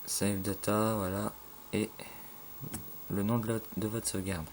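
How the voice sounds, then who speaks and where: A man casually talking through a game tutorial, halting with fillers and loose slang, filmed on a phone at a home computer. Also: lowish voice, level tone. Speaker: gaming tutorial maker. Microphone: phone filming a screen. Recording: phone recording with faint room noise.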